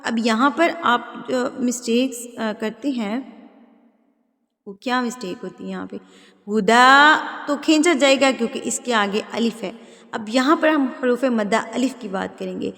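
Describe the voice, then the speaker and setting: A woman teaching Quran recitation rules step by step, explaining patiently, checking that students follow and drawing out example words slowly. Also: on the high side, big-room sound. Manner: switches into slow, drawn-out, louder recitation for examples. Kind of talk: step-by-step tajweed lesson.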